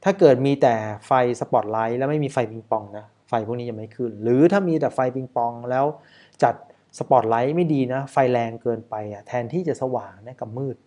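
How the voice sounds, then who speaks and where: Man, wedding photographer, casual commentary, chatty, rhetorical questions, medium pitch. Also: lively intonation, brisk, warm tone.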